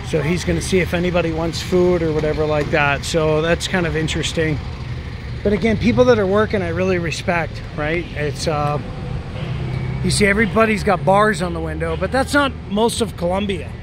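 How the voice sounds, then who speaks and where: Briskly and in a slightly high voice, a travel vlogger gives casual walking commentary while filming outdoors in the city. English is his first language, and he rambles with plenty of "right?" tag questions. Street noise and traffic can be heard in the recording.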